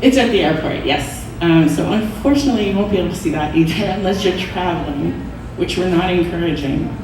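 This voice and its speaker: Low-voiced woman in an echoey room. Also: a little fast. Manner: chatty, laughing easily. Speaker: panelist. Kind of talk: panel talk. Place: gallery event space. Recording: echoey room, distant mic, some noise.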